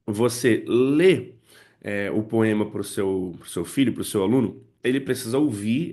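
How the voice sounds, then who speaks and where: In a spoken lesson for parents and teachers, a man explains step by step how to bring poems into English classes, often checking in with "né" and "tá." His voice sits in the mid range with a darkish tone.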